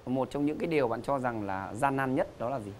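A man's voice: medium pitch, fairly quick, a little hiss or hum. A middle-aged man hosting a game show, with joking, teasing banter and theatrical emphasis. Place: TV studio stage.

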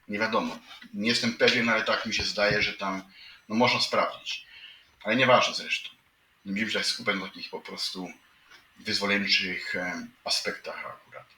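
A man's voice: on the low side, bright, forceful tone. A man hosting a livestream, rambling through headlines with wry asides and constant audience address. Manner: meandering, repeats "proszę państwa", wry asides. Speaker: livestream host reading news headlines. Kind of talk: rambling live commentary on headlines. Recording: echoey room, mic at a distance, audible noise.

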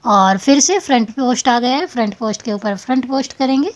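A woman's voice: fairly high pitch, brisk. A woman hosting a crochet tutorial, explaining each step patiently and counting stitches aloud.

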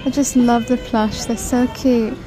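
Her delivery is a bit slow and fairly even, and her voice sits slightly high. The woman, from the United Kingdom, vlogs a supermarket walkthrough on her phone, chatting, gushing and reading prices aloud, with music underneath and low-quality sound.

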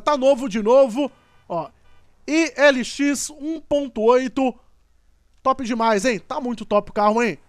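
A man giving excitable, exclamatory gameplay commentary as a gaming video host. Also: very high-pitched, no echo, studio quality. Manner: excitable, exclamatory, repeats "top" and "ó". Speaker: gaming YouTuber.

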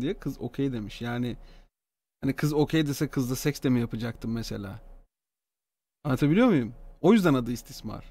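A man's voice: medium pitch, a little mellow, dry recording. A male streamer commenting live on a video, with a sarcastic, mocking manner.

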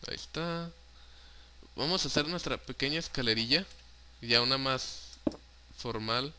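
Speaking at a measured pace in a medium-pitched voice, a young man with a Mexican Spanish accent narrates his Minecraft gameplay for his YouTube channel. He's casual and joking, swearing freely and slipping in English words, over some background noise.

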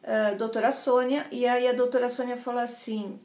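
A middle-aged woman, talking in a fairly high voice. She tells her story casually and animatedly and slips into other people's lines. The room is echoey. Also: fairly even intonation, normal speed, a little mellow. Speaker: vlogger sharing a personal experience. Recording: roomy, echoey room sound.

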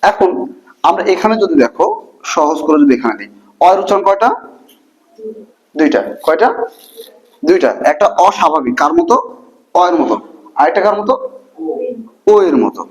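A man teaching a grammar lesson to a class, asking many quick questions in a casual, colloquial way. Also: on the high side, animated, rough recording.

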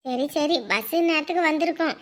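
A woman's voice: sits high, brisk, a bit bright. A woman playing a chatty, sensible neighbour in a comedy sketch, gossiping and teasing.

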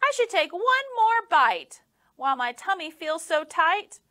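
A woman's voice: extremely high pitch, big pitch swings, a little slow, pushed and bright, voice pushed up, exaggerated voice. A woman reading aloud, voicing a greedy snake with a sly, questioning manner. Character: greedy snake with a big appetite.

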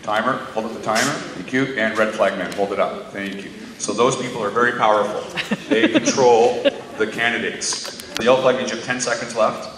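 A man moderating a school debate in a relaxed, joking way, giving instructions. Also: on the low side, a little fast. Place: large school gym or hall. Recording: echoey hall, far mic, loud noise.

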